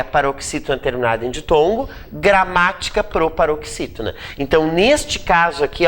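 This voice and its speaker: A woman teaching a grammar lesson for exam prep, explaining step by step and stretching out key words for emphasis. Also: on the low side. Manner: drawn-out emphatic word-by-word explanations.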